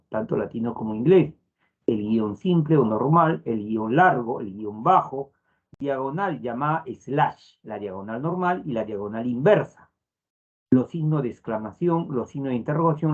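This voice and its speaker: A male teacher leading an online class in a lively, rising and falling voice, often repeating himself and saying "a ver" as he goes. His voice is slightly husky and comes through a thin, phone-like line. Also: medium pitch. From Peru. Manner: repeats phrases, frequent "estamos" and "a ver" fillers. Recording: tinny phone-like lo-fi audio.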